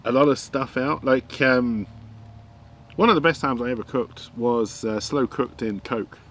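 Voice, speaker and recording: A man's voice: mid-range voice, unhurried, a bit bright. A man streaming live while cooking outdoors, chatting casually with fillers and frequent laughs. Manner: rambling, chatty, many fillers, laughs often. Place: outdoors in a garden.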